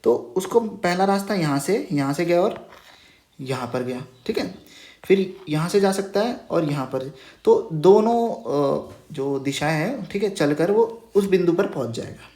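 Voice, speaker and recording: A man's voice: sits high, animated, a little slow, warm tone. A man teaching a math lesson, patiently repeating key terms as questions and checking in with "okay" after nearly every phrase. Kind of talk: Hindi math lesson over a whiteboard. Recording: roomy echo.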